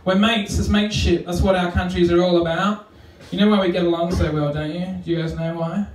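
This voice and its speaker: High-voiced Australian man doing stand-up. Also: steady tone, fairly quick, slight background noise. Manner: rambling, self-deprecating, many fillers. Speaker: stand-up comedian. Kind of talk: stand-up comedy set. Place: comedy club stage, indoors. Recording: roomy live club sound from far off.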